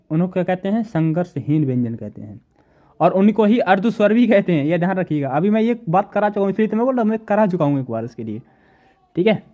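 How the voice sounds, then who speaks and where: High-voiced man teaching a class. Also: mellow. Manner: repeats definitions slowly, asks students questions. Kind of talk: classroom lecture.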